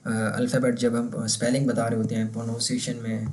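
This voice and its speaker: A man with a Pakistani Urdu accent teaching a beginner German class, patiently explaining and repeating words slowly so learners can copy the pronunciation. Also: medium pitch, completely flat delivery, darkish tone. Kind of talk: casual explanatory lesson.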